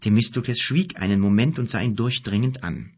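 A man narrating an audiobook in an even storytelling manner. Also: mid-range voice, brisk, breathy edge. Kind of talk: scripted narration.

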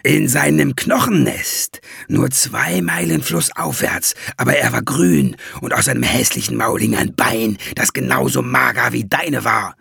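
A sly, gruff dwarf, voiced by a man reading an audiobook, full of sarcastic jabs. His gravelly, husky voice turns mocking questions into taunts. The sound is dry and close. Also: medium pitch, big pitch swings, measured pace, few pauses, sharp tone, dry recording, full character voice. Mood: tall tale. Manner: sarcastic, needling.

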